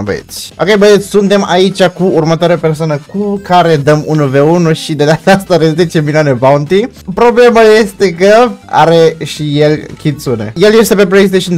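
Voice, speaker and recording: A young man giving excited commentary over his own gameplay, shouting and laughing as fights swing and mixing in English slang. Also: on the high side. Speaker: gaming YouTuber.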